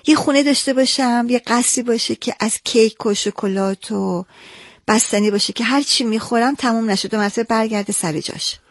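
Woman interview guest, fairly high voice, expressive, dry recording. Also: dry recording. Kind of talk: casual interview.

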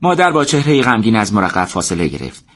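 A man tells a story in scripted narration. His voice sits fairly low, and his delivery is steady and measured.

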